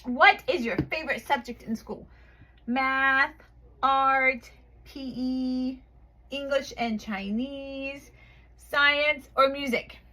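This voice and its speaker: A woman with a high, bright voice teaches a small child English online from home. She talks slowly and carefully, stretching her words. Her delivery is exaggerated and cheerful, the way one speaks to a young learner. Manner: slow, exaggerated and cheerful with the child, calm aside to viewers. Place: home room at night.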